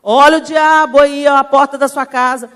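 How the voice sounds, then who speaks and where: A woman's voice: high voice, steady tone, normal speed, fairly bright tone, big-room sound, pitched above the performer's own voice. A woman doing a fatherly, teasing God. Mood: warning. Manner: casual, affectionate scolding.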